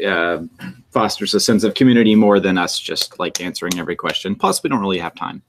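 A man co-hosting a meetup while getting over a cold. His voice sits low and he speaks in a relaxed, low-key way, chiming in with short agreements. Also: quick pace. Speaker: meetup co-host. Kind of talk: casual talk to a group.

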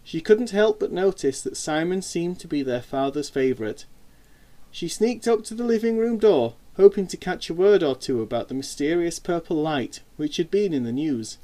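A man reading an audiobook story aloud in an expressive storytelling manner. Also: on the high side, normal speed. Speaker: audiobook narrator. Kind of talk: scripted storybook narration.

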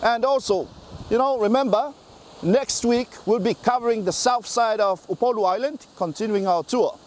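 Young male travel host from Samoa, high-pitched, outdoor noise faint. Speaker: show host. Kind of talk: casual travel show chat. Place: outdoors among palm trees.

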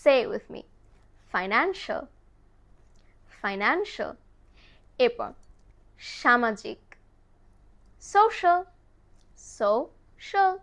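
A high-pitched woman leads a pronunciation lesson. She speaks very slowly with a bright, sharp tone and says each word several times. She talks straight to the viewers. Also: sing-song. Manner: slow, drawn-out repetition of each word; addresses viewers directly, mixing in English phrases. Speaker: English pronunciation teacher.

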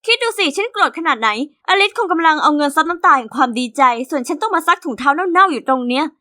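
A woman narrating as a cheeky teenage orphan girl in an animated diary story. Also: sits high, quick pace. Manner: lively, cheeky first-person storytelling.

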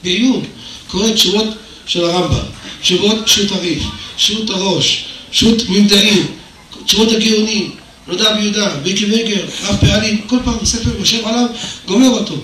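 An older man gives a Torah lecture in the hall of a religious institution, a sermon built on anecdotes where he acts out the dialogue and rises into emphatic bursts. His voice sits high with a steady, bright, forceful tone, heard from far off in a very echoey hall with faint noise.

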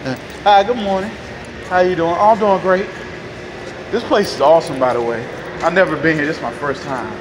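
A man from North Carolina, a truck driver casually vlogging to viewers in an animated, folksy way. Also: fairly high pitch, brisk, background noise. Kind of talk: casual vlog talk to viewers. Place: truck stop, indoors and outdoors in the lot.

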